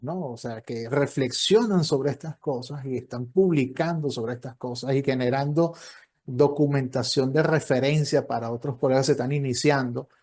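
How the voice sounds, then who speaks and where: Higher-voiced man lecturing conversationally. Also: darkish tone. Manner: conversational and explanatory, acting out short dialogues. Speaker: university professor and copy editor giving a lecture. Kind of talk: online lecture with audience questions.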